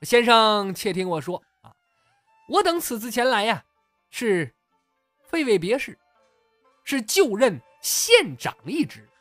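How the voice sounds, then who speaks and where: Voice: medium pitch, big pitch swings, slow, long pauses, a bit bright, no room sound, soft background music, pitched above the performer's own voice. A storyteller voicing a scheming old male secretary who pleads in flowery, old-fashioned speech. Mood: pleading.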